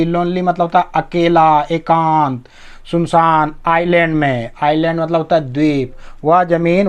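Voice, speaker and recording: A man teaching English reading in Hindi, reading each sentence slowly word by word and patiently explaining every word's meaning. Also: sits high, smooth. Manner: patient, repeats meanings and asks "na?" to check understanding.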